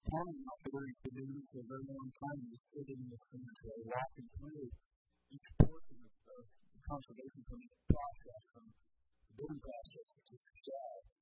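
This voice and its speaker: A man in his forties giving a rambling, appreciative public comment at a meeting. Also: on the high side. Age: 40s. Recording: dull lo-fi meeting recording.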